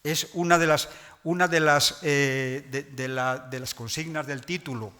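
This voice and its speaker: A man's voice: mid-range voice, steady tone, unhurried, bright, forceful tone. A man giving a public lecture, explaining points to his audience in a didactic way. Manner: didactic, addresses audience directly. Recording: long reverb of a lecture hall.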